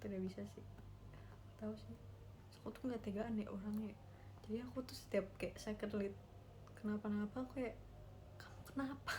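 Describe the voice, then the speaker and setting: A woman's voice: mid-range voice, fairly quick, pauses often, background noise. Chatty young woman livestreaming from home. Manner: chatty, emotional, animated storytelling with many fillers. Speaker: idol livestream host. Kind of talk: casual solo livestream chat.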